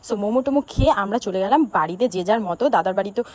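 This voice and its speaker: A woman's voice: mid-range voice, animated, racing, darkish tone. A young woman, hosting a casual travel vlog outdoors and talking straight to her viewers in an upbeat, chatty way. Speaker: vlogger host. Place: outdoors by a riverbank.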